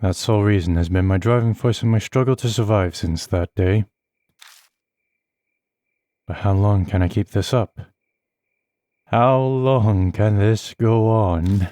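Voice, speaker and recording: A man reading a horror visual novel aloud in steady first-person narration. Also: fairly low pitch, a little slow, long pauses, no room sound. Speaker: let's play host. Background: faint game music.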